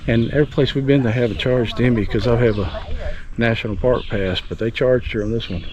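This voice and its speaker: A man's voice: medium pitch, steady tone, brisk, dull audio, a crowd in the background. A middle-aged man chatting casually for a travel vlog in a plainspoken, grumbling way. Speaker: travel vlogger. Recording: noisy outdoor handheld vlog recording.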